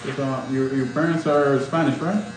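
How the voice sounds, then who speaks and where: A male barber chats easily with a client, asking short, plain questions. He sounds far from the mic in a very echoey room, with a clear buzzing hum behind him. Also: medium pitch, fairly even intonation, normal speed. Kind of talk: casual chat.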